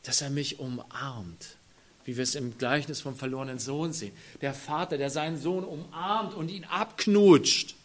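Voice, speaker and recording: A man preaching a sermon who speaks straight to his congregation, dropping to near-whispers and then rising to loud, emphatic phrases. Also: medium pitch, normal speed. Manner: addresses the congregation directly.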